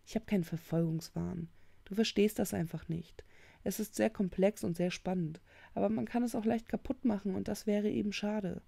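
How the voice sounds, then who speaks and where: A woman's voice: mid-range voice, fairly even intonation, normal speed, vocal fry, warm tone, no room sound. A woman voicing a teenage boy who brushes off worries and defends himself in a storybook reading. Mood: defensive. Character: dismissive teenage boy gamer.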